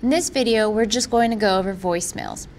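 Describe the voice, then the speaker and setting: A woman presenting a software tutorial in an informal, instructional way. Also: medium pitch, brisk, a little hiss or hum. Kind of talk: software walkthrough narration.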